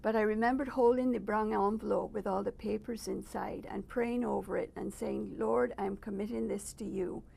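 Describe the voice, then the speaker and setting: Middle-aged woman from Barbados, guest in an interview, gravelly voice, measured and reflective delivery. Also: medium pitch, fairly even intonation, mellow. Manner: thoughtful, measured, with frequent pauses. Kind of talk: personal testimony interview. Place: residence.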